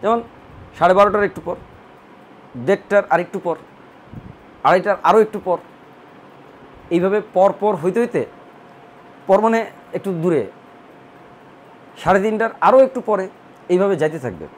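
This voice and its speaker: A man's voice: sits high, normal speed, long pauses, a little hiss or hum. A man teaching a recorded math lesson, explaining step by step and repeating counts in rhythmic lists. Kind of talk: online admission-prep math lesson.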